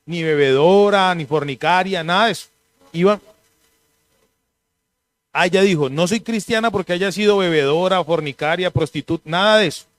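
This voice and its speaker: A man preaching a sermon, telling stories animatedly and clearing his throat now and then. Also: high-pitched, normal speed. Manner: animated storytelling, mimics voices in anecdotes.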